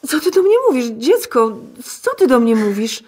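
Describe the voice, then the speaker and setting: A woman's voice: on the high side, very animated, normal speed, a little mellow. An actress playing a shocked middle-aged mother in a radio drama, pleading and tearful. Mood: stunned. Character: shocked mother and wife, desperate and protective.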